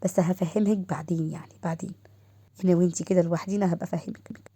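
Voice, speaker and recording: A woman's voice: mid-range voice, lively intonation, quick pace, warm tone, lightly acted. A woman voicing a boastful, teasing young husband with an Egyptian accent. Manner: teasing, coaxing.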